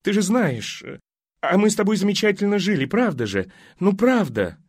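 A man voicing a tearful young wife who pleads with her husband, in a higher, strained voice. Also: very animated, normal speed, a little mellow, no room sound, studio quality. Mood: tearful pleading. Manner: pleading, breathless.

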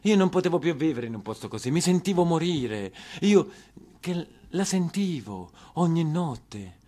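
This man from Apulia, southern Italy, is a stage actor giving a theatrical monologue in a southern Italian accent. His voice sits on the high side and is mellow, very animated and at a normal pace. He delivers it histrionically, emphasizing through repetition.

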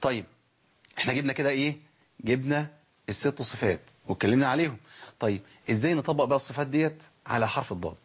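A man's voice: medium pitch, rapid-fire, slightly rough. A man with an Egyptian accent teaching Quran recitation, asking rhetorical questions and sounding out letters. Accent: Egyptian Arabic. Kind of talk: spoken recitation lesson. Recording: dull lo-fi recording.

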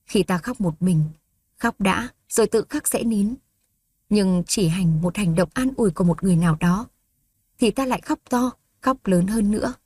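A woman narrating a romance story in a steady, even reading voice. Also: medium pitch, normal speed, slightly rough. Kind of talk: scripted audiobook narration.

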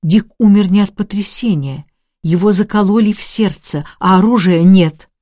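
A woman voicing an agitated young man who shouts in distress, read in an audiobook. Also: mid-range voice, normal speed, no echo, studio quality, natural voice. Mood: grim.

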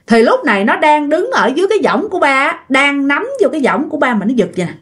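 A woman with a Southern Vietnamese accent tells a ghost story casually, talking directly to her listeners in a chatty way. Her voice sits high, swings widely in pitch, and she speaks fast.

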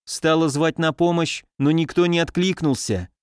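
A man's voice: a little high, normal speed, clear, resonant tone, no echo, clean studio sound, lightly acted. A man voicing a timid, frightened housekeeper woman who pleads for help. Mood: pleading.

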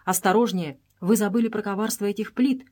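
A woman reading the lines of a timid, excitable English sidekick in an audiobook, with jittery exclamations. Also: medium pitch, brisk, natural voice.

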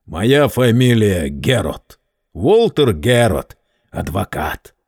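A big, polite gangster lawyer, voiced by a male narrator speaks in slow, deliberate tones full of quiet menace. His voice sits low, and the recording is close and dry. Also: very animated, husky, no room sound, heavily acted. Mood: coolly menacing.

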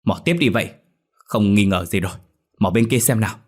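A man's voice: on the low side, a little fast, slightly rough. A man voicing a bossy male village official giving orders in a commanding, officious tone, in a storybook reading.

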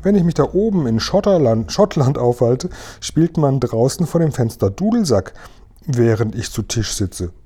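Würdevolle ältere Königin, vom Mann gelesen, höflich, gemessen, vornehm, warm. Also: male voice, medium pitch, animated, moderate pace, breathy edge. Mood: gracious. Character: dignified elderly queen, polite and proper.

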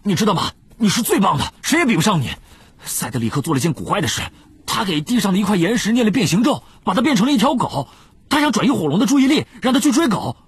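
A woman voicing an excitable, loyal teenage boy wizard in an audiobook, chattering fast with big leaps in pitch. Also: husky, dry recording.

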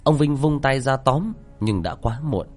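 A man's voice: medium pitch, expressive, unhurried, soft background music. A man telling a horror story in a tense, dramatic narrating style.

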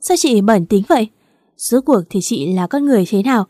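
A woman's voice: mid-range voice, lively intonation, a little fast, warm tone, no echo, clean studio sound, lightly acted. A woman reading the lines of a young sister-in-law who snaps accusingly. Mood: indignant. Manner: snapping and accusatory.

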